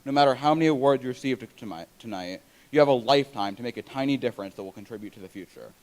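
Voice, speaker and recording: A teenage boy gives a prepared closing speech at a school assembly. He speaks into a microphone with an earnest, recited delivery. His voice sits at an ordinary middle pitch. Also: rapid-fire, a little mellow, rough recording. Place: school gym or auditorium. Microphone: handheld microphone.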